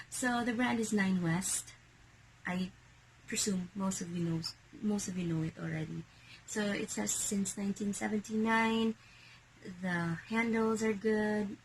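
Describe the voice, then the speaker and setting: A Filipino woman in a casual vlog, showing and selling secondhand bags in a hushed, half-whispered voice. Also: medium pitch, a little hiss or hum, poor audio. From Philippines.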